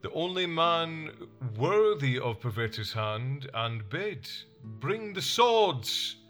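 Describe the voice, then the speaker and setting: Give me a furious, blustering nobleman calling for a fight, read by a man, pitched up and loud. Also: very animated, slow pace, faint music behind, exaggerated voice. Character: furious hot-headed male nobleman demanding a duel.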